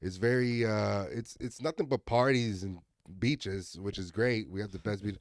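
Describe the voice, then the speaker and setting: A man who is a comedian guest on a podcast, from Miami, chatting casually in a joking, profane, animated way. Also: fairly low pitch, moderate pace, dry recording, clean studio sound.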